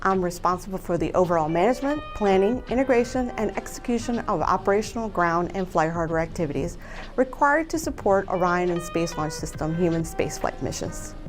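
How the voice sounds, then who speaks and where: A woman from Colombia, an aerospace engineer, giving a measured, earnest scripted statement. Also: fairly low pitch, lively intonation, faint music behind.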